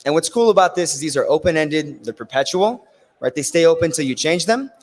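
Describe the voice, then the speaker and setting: A man with a raspy, worn voice giving a technical conference presentation, explaining things step by step and often checking in with "right?". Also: a little high, lively intonation, brisk. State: losing his voice. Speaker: conference speaker. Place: conference stage in a large hall. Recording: long hall reverb.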